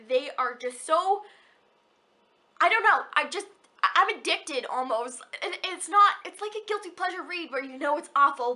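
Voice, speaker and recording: A young woman with a high, bright voice talks about books she loves. She gushes and rambles in a hyper way, often stopping and restarting her sentences. The talk is casual and personal. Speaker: book vlogger. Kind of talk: casual chat.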